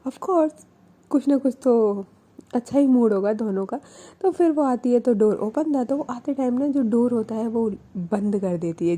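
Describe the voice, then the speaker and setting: Young adult woman, casual storytelling narration, chatty, filler-heavy, mellow dark tone, slightly high. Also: breathy edge. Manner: chatty, mixes in English fillers.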